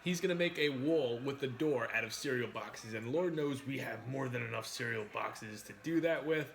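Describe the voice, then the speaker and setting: A man's voice: medium pitch, moderate pace, gravelly, a bit bright, a little hiss or hum. A man hosting a casual livestream over a meal, talking in a frank, sweary way. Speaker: livestream host.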